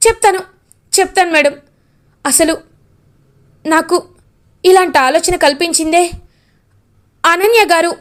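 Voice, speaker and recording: A woman's voice: extremely high pitch, a little slow, pauses often, voice pushed up. A woman voicing a frightened male henchman who confesses under threat in a retold TV serial. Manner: confessing in fear.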